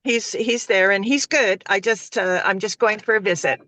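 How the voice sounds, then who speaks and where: A woman joining a group call briefly, apologetic and hurried. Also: medium pitch, fairly bright tone, dry recording. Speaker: participant. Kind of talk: casual chat.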